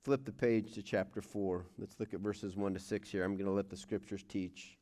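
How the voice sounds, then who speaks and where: A male pastor preaching a sermon, reading scripture aloud and talking directly to the congregation in a conversational way before building to a loud, rising close. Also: lowish voice, steady tone. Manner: reads scripture aloud, pausing on phrases.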